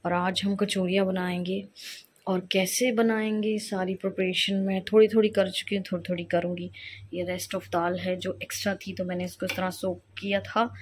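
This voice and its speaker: A young woman chatting quietly in a home kitchen during a cooking vlog, a little congested from a cold and often losing her words. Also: lowish voice, a little hiss or hum. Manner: soft-spoken, talking quietly while others sleep; chatty, forgetful, mixes in English phrases. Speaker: vlogger. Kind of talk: casual cooking vlog chat.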